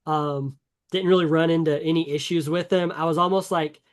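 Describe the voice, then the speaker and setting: A man's voice: fairly high pitch, steady tone, brisk. A man co-hosting a casual gaming podcast, talking in an enthusiastic, rambling way with many fillers and restarts. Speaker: podcast co-host.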